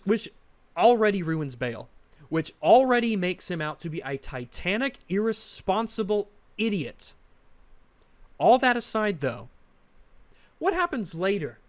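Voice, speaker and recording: A man hosting a commentary video, ranting sarcastically in exasperated criticism of a show. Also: fairly high pitch. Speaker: commentary channel host.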